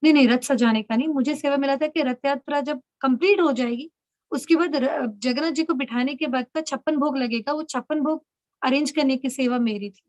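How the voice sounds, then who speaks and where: A woman's voice: sits high, a little fast, a little mellow, no echo, rough recording. A woman leading an online session for young women, talking in an instructive way and often checking that she is understood. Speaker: spiritual mentor leading an online girls' session. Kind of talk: instructive talk in Hindi-English mix.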